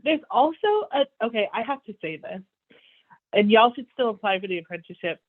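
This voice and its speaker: A woman's voice: on the high side, expressive, brisk, narrow, tinny audio. A woman from Texas, chatting candidly and laughing often as she gives frank advice. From Texas, USA. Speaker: theater apprentice. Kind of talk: casual panel chat.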